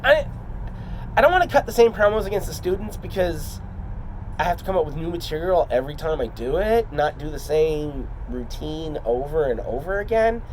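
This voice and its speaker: A man talking casually and confidingly, as in a vlog, in a halting, rambling, reflective way. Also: a little high, very animated, a little hiss or hum, low-quality recording. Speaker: trainee wrestler.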